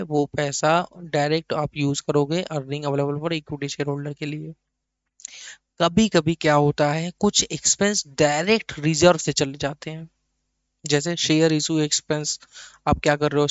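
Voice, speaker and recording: A man's voice: fairly high pitch, clean tone, no room sound, muffled recording. A man teaching an accounting lecture in a chatty way, talking to students as kids and acting out their questions himself. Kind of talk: online lecture.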